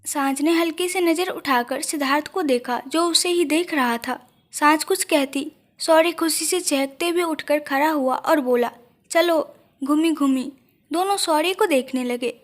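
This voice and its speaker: High-voiced woman narrating a story. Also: moderate pace.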